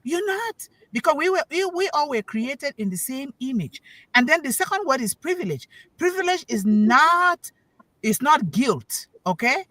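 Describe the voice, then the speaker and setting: A mother on a talk show panel delivers a preachy motivational speech at normal speed, her high voice swinging widely in pitch and sounding pushed and bright. She hammers key words through repetition and questions her audience, on a dry but rough recording.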